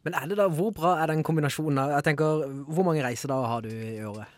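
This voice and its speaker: A man's voice: fairly high pitch, lively intonation, no room sound. A man co-hosting a podcast, putting short questions to a guest in casual chat. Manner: brief interjections and questions. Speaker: podcast host.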